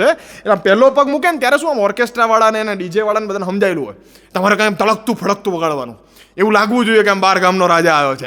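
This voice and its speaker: A man with a Gujarati accent doing animated stand-up storytelling, acting out the people in his jokes. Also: high voice, big-room sound. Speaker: stand-up comedian.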